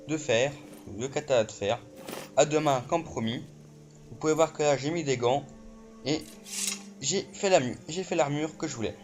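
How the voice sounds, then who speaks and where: A man giving casual let's play commentary while he plays, excitable, full of fillers and swearing. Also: mid-range voice. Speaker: gamer. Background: game music.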